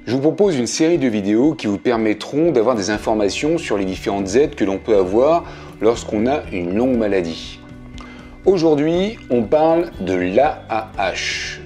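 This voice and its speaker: Sitting in his living room, a video creator in his fifties explains things to the camera in a chatty, plainspoken way, using lots of fillers. His voice is mid-range and slightly mellow.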